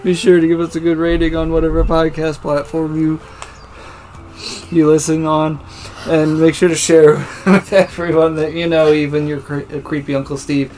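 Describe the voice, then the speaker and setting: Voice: mid-range voice, level tone, normal speed, a little mellow, slight background noise, low-quality recording. A podcast host in casual chat, laughing often and swearing offhandedly while wrapping up the episode.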